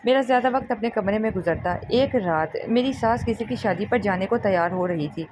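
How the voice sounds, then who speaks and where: A woman narrating a dramatic first-person story with emotion. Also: medium pitch. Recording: steady background noise.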